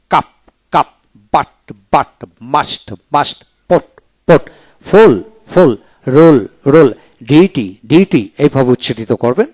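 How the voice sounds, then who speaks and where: A man teaching English pronunciation in a video lecture, saying each example word twice in a slow, deliberate way. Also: fairly high pitch.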